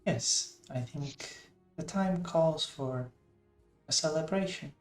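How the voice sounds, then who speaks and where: A man's voice: on the high side, roomy sound, faint music behind. A man narrating a tabletop game as game master, his voice cutting in and out as the mic noise gate chops off word endings. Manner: halting, with frequent ums. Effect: mic noise gate chopping off word endings. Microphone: home mic on a voice call.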